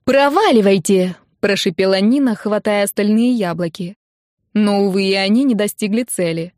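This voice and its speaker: A woman narrating a comedic first-person audiobook in a wry, lively manner. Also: mid-range voice, normal speed, no room sound, studio quality.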